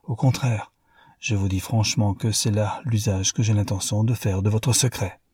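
A man voicing a wealthy man filled with bitterness and fury, rising to passionate outbursts, with a husky, dark, dry sound. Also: fairly low pitch, fairly even intonation, normal speed, no echo. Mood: furious. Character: wealthy man, bitter and furious after betrayal.

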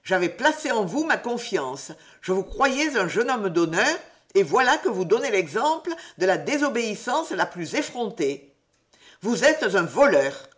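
A woman's voice: mid-range voice, very animated, measured pace. A woman voicing a solemn male headmaster who scolds a pupil in a reproachful tone. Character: grave disappointed male headmaster.

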